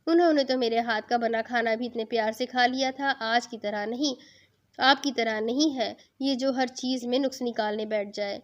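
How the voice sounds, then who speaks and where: A teasing young bride, chatty and playfully bossy, as a woman reads her in a storybook novel. The voice sits fairly high. The recording sounds dull and lo-fi. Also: steady tone, natural voice.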